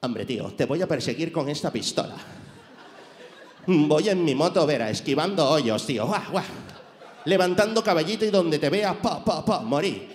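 A man's voice: a little high, animated, normal speed, a little hiss or hum, natural voice. A man doing a swaggering action hero with a Spain Spanish accent. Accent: put-on Spain Spanish. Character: tough male action-movie hero, swaggering. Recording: echoey hall with long reverb.

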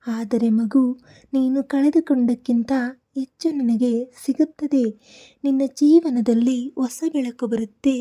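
A woman speaks a soft devotional night-time message in a gentle, soothing manner, tenderly calling the listener her child. Her voice sits high, yet its tone is dark and mellow. She takes her time, pausing between short phrases.

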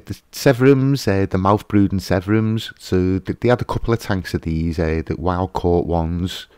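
A man who hosts a fishkeeping channel gives a casual, hesitant voice-over full of fillers and restarts. His voice sits low with a darkish tone, and there's no room sound.

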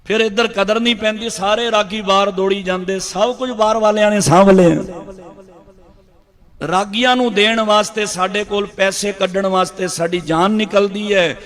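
A man's voice: high voice, steady tone, moderate pace, a bit bright. A man giving an impassioned religious speech, fervent and repetitive, rising to emphatic peaks. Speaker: Sikh preacher.

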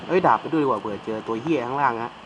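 Talking at a racing clip in a medium-pitched voice over background noise, this young mobile game streamer commentates a phone game in his home casting room. He's crude and joking, speaking to himself and his audience from off the mic.

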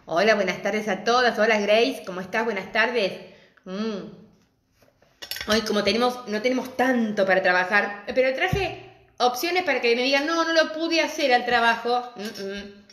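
A middle-aged Argentine woman with a fairly high voice hosts a live crafts class from home. She talks in a chatty, affectionate way and laughs often. Her phone picks her up in a noticeably echoey room. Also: normal speed, a bit bright. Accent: Argentine Spanish. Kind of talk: casual live-stream chat.

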